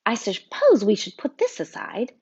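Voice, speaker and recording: A woman voicing a fussy, flustered older woman teacher in an audiobook, in a breathy, fluttery manner. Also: a little high, huge pitch swings, moderate pace, darkish tone, highs cut off, pitched above the performer's own voice, full character voice.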